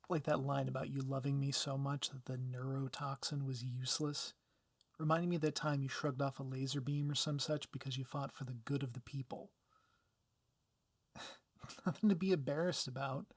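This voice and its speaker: In an ASMR roleplay, a man plays a reformed villain who has become a sappy, dorky sweetheart, speaking softly and intimately with gentle teasing. His medium-pitched voice has a breathy edge, sounding fond and relaxed, on a dry recording.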